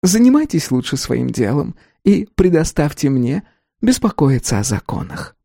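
Sly smooth-voiced little official, as a man puts him on. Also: fairly high pitch, big pitch swings, warm tone, dry recording, clean studio sound, voice pushed up, exaggerated voice. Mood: mocking. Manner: insinuating, slow and mocking.

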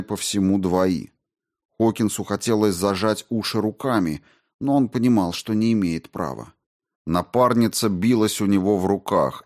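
Lower-voiced male audiobook narrator. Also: darkish tone. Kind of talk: scripted narration.

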